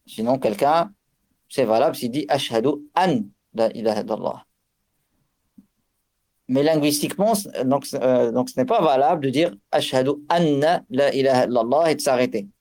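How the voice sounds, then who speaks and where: Brisk and mid-range with a darkish tone, this religious teacher gives a lesson on recitation rules. Fillers and restarts run through his explanation, and he chants Arabic examples.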